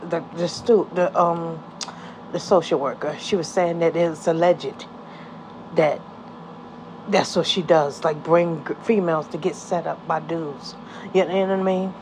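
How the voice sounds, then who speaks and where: A woman's voice: lowish voice, background noise. A middle-aged woman, telling a painful personal story in a rambling vlog, often asking "you know what I mean". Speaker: caseworker and foster parent.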